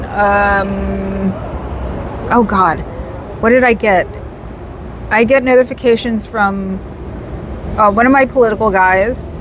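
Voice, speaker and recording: A woman with a slightly high voice hosts a casual livestream, chatting with her viewers in a rambling way and laughing often. Background noise can be heard.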